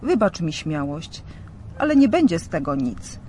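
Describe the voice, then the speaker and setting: A man's voice: fairly high pitch, big pitch swings, normal speed, darkish tone, slight background noise. A man voicing a poor, eager young shoemaker, bold and earnest, in a storybook reading.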